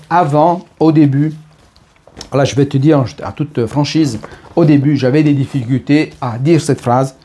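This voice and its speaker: This personal development speaker is a middle-aged man with an Italian accent and a mid-range, dark voice. Chatting casually to camera about personal growth, he hesitates, keeps restarting phrases, and uses tu with the listener.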